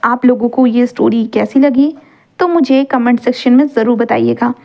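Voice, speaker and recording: A woman's voice: a little high, normal speed, vocal fry, darkish tone. A woman storyteller narrating a romance story in a chatty, casual way, dropping English words into her telling.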